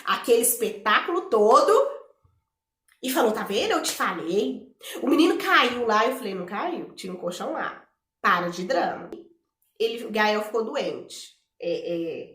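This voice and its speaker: Chatty Mineira woman, echoey room. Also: mid-range voice. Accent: Minas Gerais Portuguese. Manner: chatty, animated retelling with many fillers. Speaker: vlogger and mother. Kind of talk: casual storytelling to camera.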